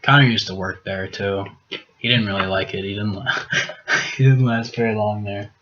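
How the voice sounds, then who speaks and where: A man's voice: fairly low pitch, steady tone, moderate pace, bright, forceful tone, a little hiss or hum. A young man from the US Midwest co-hosting a casual podcast, laid-back and saying "man" a lot. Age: young adult. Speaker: podcast co-host. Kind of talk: casual chat. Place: apartment living room. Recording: dull lo-fi home recording.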